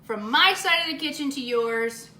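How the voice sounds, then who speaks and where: A woman's voice: sits high, animated, moderate pace, very noisy. Woman host gushing over food in her kitchen, roomy sound, pots and pans clanking. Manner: gushing, enthusiastic food descriptions. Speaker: cooking show host. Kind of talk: casual cooking demo. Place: home kitchen.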